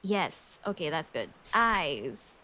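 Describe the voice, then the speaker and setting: Her voice sits low yet sounds pushed and bright, moving in a sing-song pattern at a slow pace. She's a young adult streamer from the Philippines, chatting and giggling casually in Filipino-accented English while thinking aloud on a game livestream.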